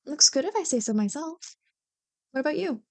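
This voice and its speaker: Speaking to a single listener in ASMR roleplay, she voices a bubbly childhood friend who teases and banters playfully, here in a chatty, explaining mood. Her fairly high voice is animated and moderately paced. The recording is very dry, with no echo.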